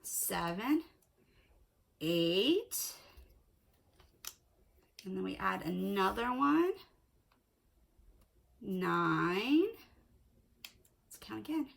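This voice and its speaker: A woman's voice: medium pitch, sing-song, very slow, gravelly, long pauses. A woman teaching young children from home, cheerful and encouraging, counting and reading aloud in a sing-song way. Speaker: preschool teacher. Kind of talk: children's video lesson and read-aloud. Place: at home, indoors.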